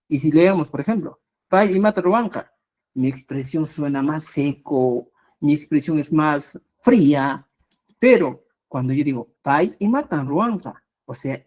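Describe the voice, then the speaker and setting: Slow-talking woman teacher, low voice. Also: warm tone. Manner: checks in with a constant "¿ya?"; slow, repetitive explanations with rising emphasis. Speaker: Quechua language teacher. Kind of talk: live online language class.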